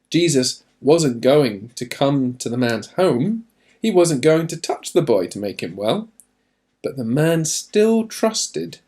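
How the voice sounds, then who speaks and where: A man reads a children's storybook aloud, narrating expressively and placing deliberate emphasis on his words. His voice is on the high side.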